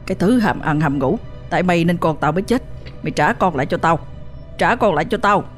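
Grief-mad father, fast and cursing, voiced by a woman storyteller. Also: lowish voice, soft background music, lightly acted. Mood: raging grief. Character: grief-mad rural father, shouting and weeping.

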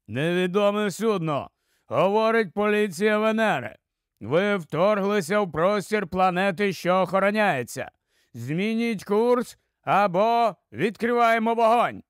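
A man's voice: high-pitched, lively intonation, unhurried, smooth, no room sound, studio quality, voice pushed up. Man doing a stern, threatening male police chief. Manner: loud, threatening ultimatum.

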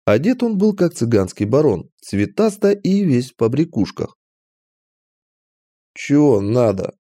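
A man narrates a fantasy audiobook in the first person, his pitch rising and falling with animation. His voice is mellow and warm. The recording is dry and close, with no room sound. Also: sing-song, moderate pace, slightly rough, no room sound.

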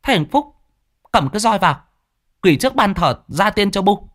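A man voicing a strict but kind village mother in a high, commanding voice. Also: big pitch swings, moderate pace, a bit bright, no echo, clean studio sound. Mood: stern. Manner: shrill, commanding.

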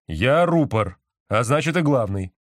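A man's voice: mid-range voice, lively intonation, measured pace, no room sound, clean studio sound, voice pushed up, close to an everyday voice. A man voicing a grumpy, irritable masked activist in an audiobook. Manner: grumbling, irritable.

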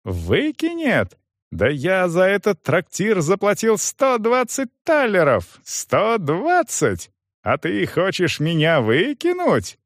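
Shrill furious youth, high and screeching, audiobook. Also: male voice, wildly swooping pitch, slow pace, no room sound, clean studio sound, exaggerated voice. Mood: shrieking rage. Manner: shrill, screaming, outraged. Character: hot-headed young man, shrieking, furious.

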